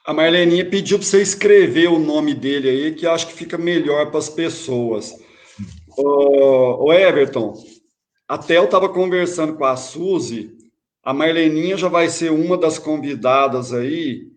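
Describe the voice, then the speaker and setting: A man's voice: a little high, a little slow. A man hosting an online spiritist talk, reflective, often ending thoughts with a questioning "né". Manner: reflective, many tag questions. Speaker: host.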